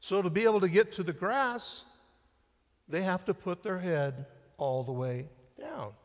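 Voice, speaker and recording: A man's voice: high-pitched, animated, measured pace. Man preaching in a reverberant church. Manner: conversational preaching, rising and dropping to a hush for emphasis. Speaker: senior pastor. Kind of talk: sermon. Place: church sanctuary. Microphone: church sound system mic. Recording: live-stream with long church reverb.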